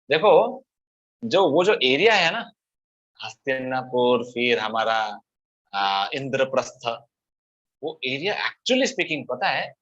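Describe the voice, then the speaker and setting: A man's voice: a little high, fairly bright tone. A male preacher giving a scripture discourse, explaining points with frequent rhetorical questions. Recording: dull lo-fi recording.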